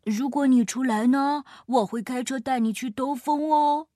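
A woman's voice: high voice, moderate pace, mellow, dry recording, studio quality, pitched above the performer's own voice, close to an everyday voice. A woman storyteller voicing a cheerful old grandfather making a promise.

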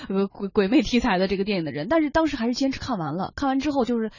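A woman co-hosting a studio film talk show, talking in a lively, opinionated way with many fillers. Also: a little high, very fast, breathy edge, dry recording. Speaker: co-host. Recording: dull lo-fi broadcast sound.

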